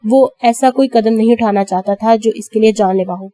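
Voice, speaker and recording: Woman narrator, dramatic novel reading, fairly high voice, mellow tone. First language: Urdu. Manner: voices characters with cries and shouts.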